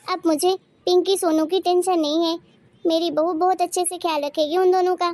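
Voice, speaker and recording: A kindly, devout grandmother from a cartoon story, voiced by a woman. She speaks gently and with care. Her voice is high and sounds dry and close. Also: level tone, normal speed, dry recording. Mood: gentle. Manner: gentle, caring. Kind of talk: cartoon voice acting.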